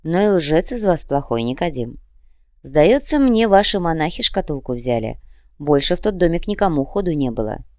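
A woman's voice: low-pitched, big pitch swings, moderate pace, no echo, clean studio sound. A woman voicing a polite but menacing male demon commissar who threatens in a cold, courteous way. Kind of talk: audiobook character reading.

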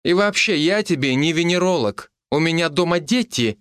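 A man putting on a sharp-tongued village healer woman. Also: sits high, very animated, no room sound, voice pushed up. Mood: mocking. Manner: mocking, brisk, scolding.

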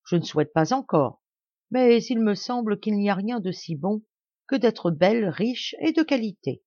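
A woman reading a fairy tale aloud, voicing an impulsive, quarrelsome poor peasant wife in a lively, excitable way. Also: mid-range voice, normal speed, dry recording, close to an everyday voice. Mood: musing. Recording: dry, slightly dull home recording.

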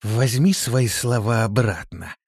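A male audiobook reader voicing a cruel female demon who speaks in a cold, hissing, deadpan way. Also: mid-range voice, a little slow, no echo, clean studio sound, voice pushed up. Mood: icy. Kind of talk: audiobook character voice.

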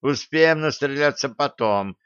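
A man voicing a sullen, reasoning male soldier in an audiobook, gloomy and deliberate. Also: medium pitch, a bit bright, clear, resonant tone, dry recording, voice pushed up, lightly acted. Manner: gloomy, deliberate, overly polite. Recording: dry, slightly dull recording.

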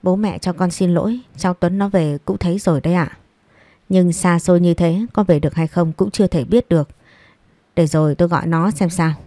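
A woman's voice: fairly low pitch, a little fast, dark tone, dry recording, natural voice. A woman voicing a tired, regretful eldest son who speaks wearily. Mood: apologetic. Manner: weary, sighing.

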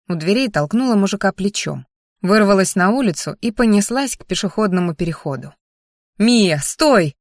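A woman reading a first-person novel aloud as narrator, with a lively, ironic inner voice. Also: mid-range voice, no room sound, clean studio sound. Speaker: audiobook narrator.

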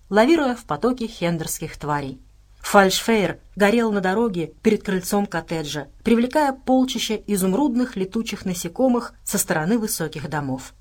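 A woman narrating an audiobook in a steady, measured way. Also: mid-range voice. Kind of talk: scripted narration.

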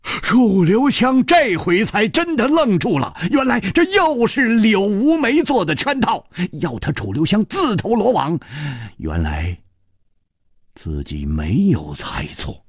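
Male storyteller, dramatic and unhurried, dry studio sound. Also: high-pitched, no echo. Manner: theatrical, swooping intonation.

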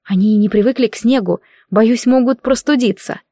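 A woman's voice: fairly high pitch, normal speed, warm tone, no room sound, clean studio sound. A woman voicing a caring young woman who pleads earnestly in an audiobook. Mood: pleading. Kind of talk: audiobook character voice.

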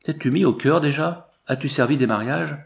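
A man's voice: fairly high pitch, normal speed, vocal fry, pitched above the performer's own voice. A man reading aloud, voicing a young altar boy who chatters and prods with questions. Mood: chatty.

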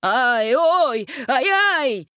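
A woman voicing a bullying but easily scared male bandit leader in a storybook reading, loud and high-strung. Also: animated, a little slow, no room sound, clean studio sound. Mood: bossy, panicked.

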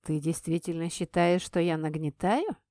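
A woman's voice: no echo, lightly acted. A woman doing a wry, teasing man. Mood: dry, teasing. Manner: lowered, quieter, drawn-out delivery. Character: grown man, wry, teasing police officer. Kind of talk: audiobook character voicing.

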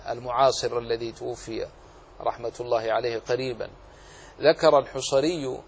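A man's voice: medium pitch, creaky, a little hiss or hum. A man giving a religious lesson, explaining recitation rules step by step, quoting verses and rephrasing them, and asking questions that he answers himself. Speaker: religious teacher.

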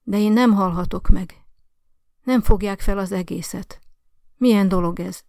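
A woman's voice: mid-range voice, creaky, darkish tone, dry recording, clean studio sound, close to an everyday voice. A woman voicing a dying, indignant ninety-four-year-old woman who gasps for breath and scolds and demands in a raised, short-winded voice. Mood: scolding, gasping. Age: older.

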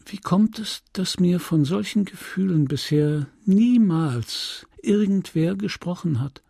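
A man reading the part of a wistful, restrained married woman who speaks quietly and gently refuses. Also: high voice, expressive, slow, creaky, dry recording, studio quality, voice pushed up, exaggerated voice. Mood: gently refusing.

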